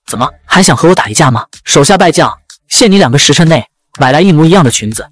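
A male narrator voicing an arrogant young noblewoman, scornful and domineering, speaking fast. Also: low voice, animated.

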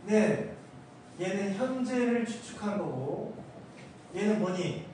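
A man teaching an English grammar lesson in a casual, lively way, checking often that his students follow. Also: high voice, slow, slight background noise. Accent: Korean. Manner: animated, asks students constant check questions. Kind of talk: casual classroom lecture. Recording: echoey room, far from the mic.

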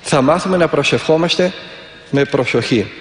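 A man, an Orthodox monk, giving a sermon and telling stories with earnest, vivid delivery and repeated prayers. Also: on the high side. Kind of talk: sermon with storytelling. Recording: echoey, reverberant hall.

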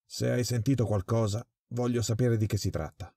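A man voicing a stern male prison warden who asks gruff, commanding questions. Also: medium pitch, fairly even intonation, normal speed, dark tone, no room sound, studio quality, voice pushed up.

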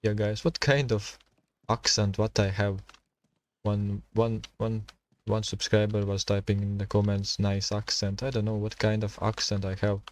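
A man streaming a survival game, talking to himself and his chat in halting, while he plays. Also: lowish voice, monotone. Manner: halting non-native English, thinking aloud while playing. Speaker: gaming streamer. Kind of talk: casual gameplay commentary.

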